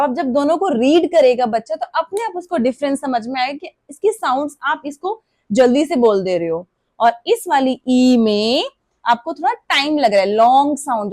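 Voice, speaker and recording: A woman teaching parents how to explain vowels to young children, drawing out and repeating example words slowly. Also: high voice, expressive, darkish tone, no echo, studio quality. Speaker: preschool Hindi teacher.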